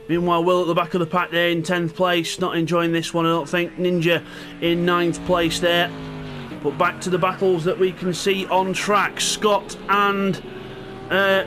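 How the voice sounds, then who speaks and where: A man giving live play-by-play motorsport commentary on an online sim racing event. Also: high-pitched. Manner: play-by-play calling of the on-track action.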